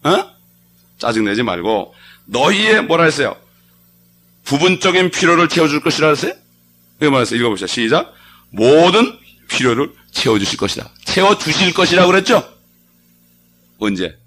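A man's voice: fairly high pitch, big pitch swings, normal speed, long pauses, slight background noise. Emphatic middle-aged male preacher. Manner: emphatic preaching with rhetorical questions, swings between loud and quiet. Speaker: pastor. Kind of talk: sermon.

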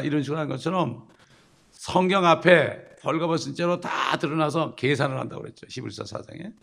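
A man preaching a sermon, emphatic, with sudden loud bursts and rhetorical questions to the congregation. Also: medium pitch, gravelly. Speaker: pastor.

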